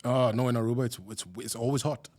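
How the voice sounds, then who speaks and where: A man's voice: mid-range voice, little pitch movement, fast talker, a little mellow. A man with a Trinidadian accent chatting casually as a podcast guest, with laid-back slang and repeated phrases. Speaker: podcast guest working in finance. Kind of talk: casual chat.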